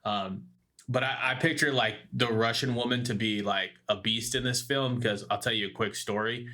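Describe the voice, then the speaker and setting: A young man with a bright, ringing voice chats casually among friends on a podcast. He talks loosely and circles back on himself, with plenty of fillers and restarts. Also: mid-range voice, fairly even intonation, normal speed. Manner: rambling storyteller, many fillers and restarts. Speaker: podcast co-host. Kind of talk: casual chat.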